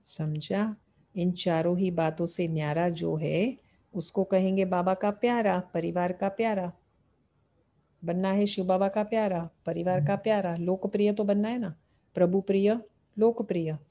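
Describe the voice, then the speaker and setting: Woman, devotional sermon, mellow warm tone, rhetorical questions, repeated phrases. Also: fairly low pitch, fairly even intonation, unhurried. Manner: asks rhetorical questions and answers them, repeating key phrases. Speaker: spiritual teacher. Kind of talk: devotional sermon explaining scripture.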